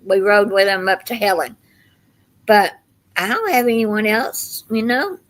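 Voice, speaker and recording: An older woman with a Southern US accent hosts a livestream, chatting casually with her viewers. Her mid-range voice moves at a measured pace as she tells stories in a folksy, meandering way.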